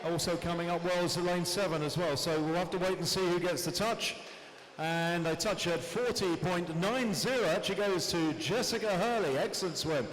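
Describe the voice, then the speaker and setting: A man calling a swimming heat over a PA system, relaxed and chatty, adding small comments between names and times. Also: high-pitched, normal speed. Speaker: swimming meet announcer. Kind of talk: live announcing and race commentary. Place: indoor swimming pool hall. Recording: echoey PA sound in a large hall, with noise.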